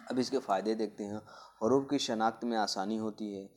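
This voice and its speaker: Man, teacher, exam-prep lecture, fairly low voice, hesitant fillers, spells out letter sounds. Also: steady tone. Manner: explains slowly with many fillers and restarts. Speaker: Urdu pedagogy teacher.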